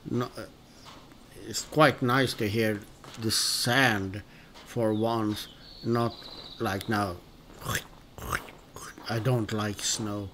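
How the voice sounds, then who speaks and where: A man from northern Sweden with a Swedish accent, commenting on his gameplay in a relaxed, hesitant, musing way with many pauses and restarts. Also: on the low side, slight background noise. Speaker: gaming video host. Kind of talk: relaxed let's-play commentary.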